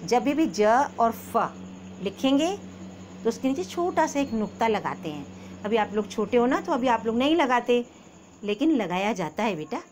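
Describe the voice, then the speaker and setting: A woman's voice: a little high, big pitch swings, a little mellow. A woman teacher giving a recorded grammar lesson to young pupils, patiently asking questions and answering them herself. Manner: slow, patient, repeats questions and answers, calls pupils "beta". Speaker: school teacher. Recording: noisy background hiss.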